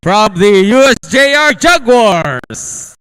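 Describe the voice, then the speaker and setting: Filipino man as stadium announcer: high, clean resonant voice, showy drawn-out player introductions. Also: very animated, fairly bright tone, clear, resonant tone. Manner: showy, drawn-out calling of names. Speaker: arena announcer.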